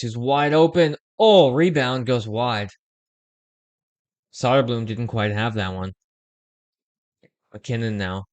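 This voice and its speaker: Brief: young male fan host, chatty play-by-play, close dry sound, mid pitch. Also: no room sound. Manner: conversational, reacts excitedly to plays, uses fillers like "like". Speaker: host of a fan watch-along stream. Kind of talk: casual live play-by-play and chat.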